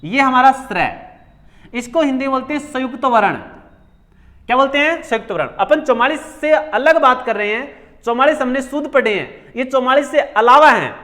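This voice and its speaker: A male teacher in a coaching class, with a very high-pitched, sharp-toned voice, works through a grammar lesson at a moderate pace. He is expressive, repeating each key term again and again and asking questions that he then answers himself.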